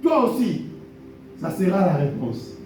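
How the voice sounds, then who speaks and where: In a church hall, a pastor preaches a sermon in a high-pitched, mellow voice with big pitch swings and a measured pace, repeating key phrases and blessings while the congregation answers with amens. The echoey recording is made from far off, with faint music behind him.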